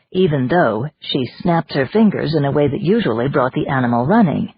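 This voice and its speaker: An audiobook narrator reading a novel in a steady, even manner. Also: mid-range voice, slight background noise. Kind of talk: scripted narration. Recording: dull lo-fi audiobook recording.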